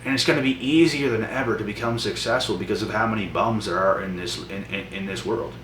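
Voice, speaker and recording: Young male motivational vlogger, very low voice, blunt and preachy, distant echoey room with noise. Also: quick pace, a bit bright. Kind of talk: motivational monologue to camera.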